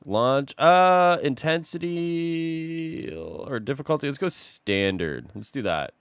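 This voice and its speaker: A man's voice: on the high side, animated, takes it slowly, clear, resonant tone, dry recording. A man streaming a game while sick, chatting loosely with his viewers and answering chat as he plays. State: sick, slightly rough voice. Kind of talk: casual live-stream chat.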